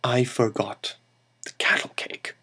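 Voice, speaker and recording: A man's voice: medium pitch, level tone, slow, sharp tone, slightly rough, whispered, exaggerated voice. A man voicing a French emperor making a rambling confession to a priest, in his own plain voice with no accent. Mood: confessing.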